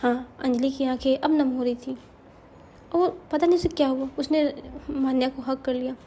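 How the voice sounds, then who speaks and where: A woman tells a story casually and chats straight to her listeners. Her voice is high-pitched, with a mellow, dark tone. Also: steady tone, normal speed, a little hiss or hum. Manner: chatty, addresses listeners directly.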